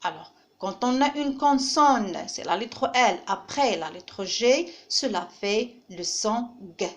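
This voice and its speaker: Slow, patient woman teaching phonics. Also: on the high side, lively intonation. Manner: slow, patient, repeating each word and syllable. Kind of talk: French phonics lesson for children.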